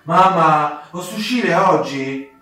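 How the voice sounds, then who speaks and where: A man's voice: a little high, takes it slowly, pitched above the performer's own voice. A man voicing a young, curious and anxious male wolf cub who asks eager, pleading questions, in a storybook. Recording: very echoey room, distant mic, soft music.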